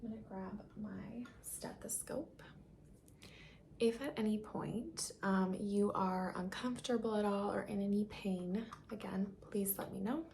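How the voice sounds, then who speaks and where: A woman in an ASMR role-play as a caring doctor, speaking softly and breathily with gentle reassurance. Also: medium pitch, a little slow, slight background noise. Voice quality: breathy, soft. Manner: soft-spoken, gentle, reassuring, soft-spoken. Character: caring, reassuring female doctor giving a check-up. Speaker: ASMR performer playing a doctor.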